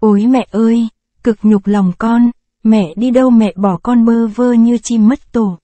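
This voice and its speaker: A woman's voice: fairly high pitch, fairly even intonation, a little slow, dark tone, no room sound. A woman voicing a poor grieving peasant widow who laments in a storybook reading. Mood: wailing. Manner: wailing lament.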